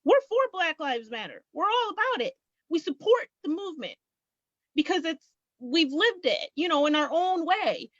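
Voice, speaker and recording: A middle-aged woman with a high voice tells her story in a conversational, emphatic way, often repeating phrases and voicing quotes. The recording is dry and slightly muffled. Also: very animated, moderate pace, no room sound. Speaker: small business owner, guest.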